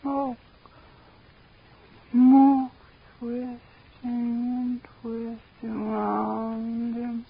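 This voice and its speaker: Dazed, creaky captive wife, very slow. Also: female voice, fairly high pitch, level tone, exaggerated voice. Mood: dazed, raving. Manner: slow, trance-like, fragmented murmuring. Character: captive wife, weak, dazed and deranged by horror. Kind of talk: 1940s radio horror acting. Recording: muffled, noisy 1940s radio recording.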